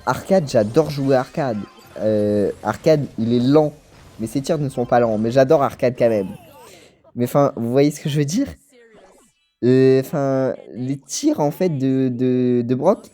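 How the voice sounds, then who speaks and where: A man's voice: medium pitch, dark tone. A man giving casual commentary on his gameplay, rambling and stammering as he repeats words. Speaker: gaming channel host.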